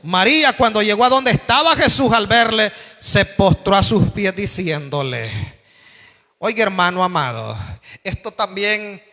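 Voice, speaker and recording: A man preaches with fervor in a very high, bright, forceful voice, pressing his point and addressing his listeners as brothers. At times he raises his voice almost to a shout. The sound carries a long, echoing reverb from a hall. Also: lively intonation, measured pace. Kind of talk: sermon.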